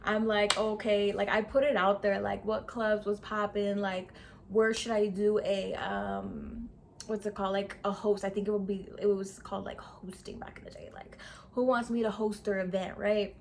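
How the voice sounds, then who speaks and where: A woman's voice: mid-range voice, little pitch movement, normal speed, creaky, slight background noise. A woman in her twenties telling a storytime vlog in a chatty, sassy way, full of slang. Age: 20s. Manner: chatty, sassy slang, says sis and okay a lot. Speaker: beauty vlogger. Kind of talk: casual storytime.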